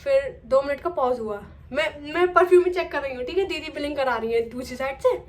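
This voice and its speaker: A woman's voice: sits high, fairly quick. A young woman vlogging at home in a chatty way, first cooking in her kitchen and then telling a story, often checking in with "okay". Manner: chatty, peppers speech with "okay". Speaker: family vlogger.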